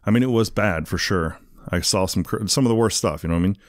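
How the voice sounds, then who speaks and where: A deep-voiced man from England talks fast as a guest in a casual interview, rambling through his life story with many fillers and repeated "you know what I mean." The recording is clean studio sound with no echo.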